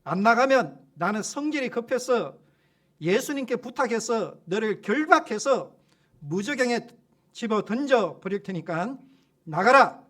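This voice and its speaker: A bold male pastor thunders rebukes at a demon, his voice raised and driven, as a preacher acts him out in a sermon. The tone is high and forceful throughout. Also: lively intonation, unhurried, exaggerated voice. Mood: commanding rebuke. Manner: loud commanding rebuke.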